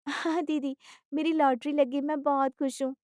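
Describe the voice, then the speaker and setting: A woman's voice: sits high, little pitch movement, normal speed, dry recording, studio quality, pitched above the performer's own voice, lightly acted. A woman voicing a sweet young daughter-in-law. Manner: soft, polite and eager.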